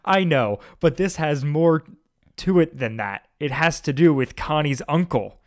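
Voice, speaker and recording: A man's voice: unhurried, natural voice. A man reading as an eager young man. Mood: earnest. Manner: read aloud in a slightly raised pitch.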